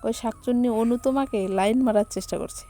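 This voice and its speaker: A woman's voice: fairly high pitch, a little fast, warm tone, close to an everyday voice. A woman narrator voicing Rai, a young woman who sulks and snaps out of jealousy. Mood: jealous. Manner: sulky, snappish.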